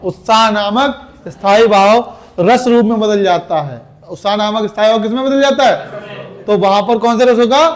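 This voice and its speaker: Male teacher with a high voice and a slightly hoarse throat, lively classroom delivery, quizzes students. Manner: lively, recites verse dramatically, asks class questions. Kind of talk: classroom lecture.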